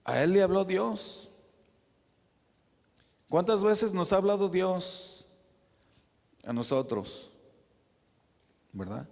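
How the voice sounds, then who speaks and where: A man preaching a sermon as pastor, in a conversational style with frequent tag questions and soft asides. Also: high-pitched, lively intonation, slow, gravelly, pauses often. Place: church sanctuary. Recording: reverberant church hall.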